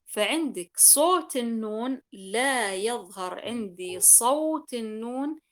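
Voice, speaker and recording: A woman's voice: fairly high pitch, lively intonation, takes it slowly. Patient woman teaching Quran recitation. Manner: patient, repeats key points and sounds out examples. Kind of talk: explanatory class lesson.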